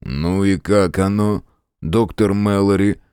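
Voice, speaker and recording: A man voicing a gloomy, sardonic police sergeant who speaks slowly and dryly in an audiobook. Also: fairly low pitch, sing-song, darkish tone, no room sound. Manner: slow, gloomy, dry.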